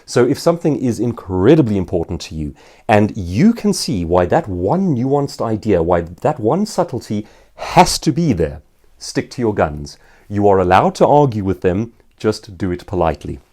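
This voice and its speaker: A South African man with a fairly low, warm voice gives an informal instructional talk as an author and speaker, answering viewer questions. His pitch swings widely at a moderate pace, and his phrasing is articulate and emphatic.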